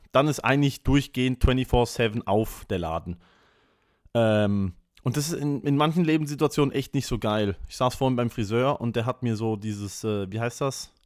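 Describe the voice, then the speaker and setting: A man's voice: medium pitch, no echo. A man hosting a podcast in a casual comedic monologue, rambling and crude with wired energy, recorded on a close mic in a small room. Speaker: podcast host.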